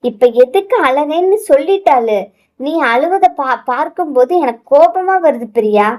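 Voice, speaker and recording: A woman's voice: high-pitched, lively intonation, normal speed, darkish tone. A woman voicing a hot-tempered but devoted young husband in a romantic audio story, scolding and impatient.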